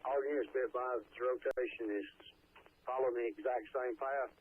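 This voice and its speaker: A man's voice: mid-range voice, fairly even intonation, brisk, breathy edge. A man, an emergency responder, speaking over a police radio transmission in clipped radio-call phrasing. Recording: tinny radio with static.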